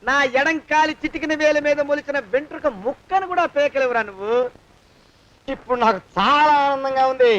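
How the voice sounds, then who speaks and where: A man's voice: extremely high pitch, brisk, a bit bright. An actor playing an angry man ranting at the moneylender who has squeezed him for his father's debt. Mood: furious. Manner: ranting, insulting. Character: angry young man berating a cruel moneylender. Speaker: debtor confronting a creditor. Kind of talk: film comedy dialogue. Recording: dull lo-fi film audio.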